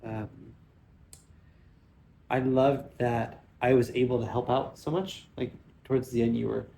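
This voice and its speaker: A man answers his wife's questions in a casual, earnest way, pausing often with ums. His voice has a gravelly, creaky edge. A faint hum of room noise sits behind him. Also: medium pitch, steady tone, warm tone. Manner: earnest, hesitant with many ums. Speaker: husband being interviewed. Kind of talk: casual conversation.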